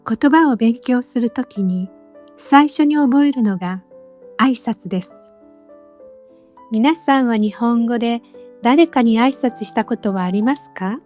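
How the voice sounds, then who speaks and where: Slow, patient woman teaching a lesson. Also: fairly high pitch, a little mellow, faint music behind. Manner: clear, patient, explanatory. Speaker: Japanese teacher. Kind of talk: scripted lesson narration.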